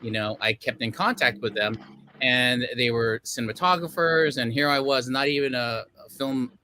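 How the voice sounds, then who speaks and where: With a mid-range, sharp voice, a middle-aged film director from Los Angeles, United States, talks at a moderate pace in a steady tone. He's a guest on a video call for a casual interview, rambling through many fillers and self-deprecating laughs. Slight background noise can be heard.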